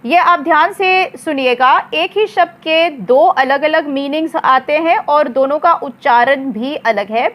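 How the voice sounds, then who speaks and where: A woman teaching English words in a slow lesson, spelling them out letter by letter and repeating each one. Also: high-pitched, a bit bright.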